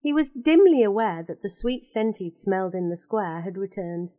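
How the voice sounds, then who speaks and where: Expressive woman reading a storybook. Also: medium pitch, normal speed, dry recording. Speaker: narrator.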